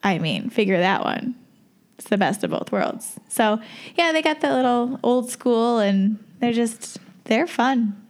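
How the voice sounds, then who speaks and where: A woman's voice: a little high, animated, a little slow. A woman co-hosting a podcast in casual chat, chatty, enthusiastic and playful. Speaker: podcast co-host.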